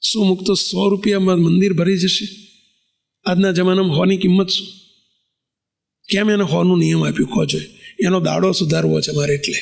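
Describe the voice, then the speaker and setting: A man, a swami giving a sermon and putting animated rhetorical questions to his congregation. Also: high-pitched, brisk, gravelly, pauses often. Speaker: swami giving a religious discourse.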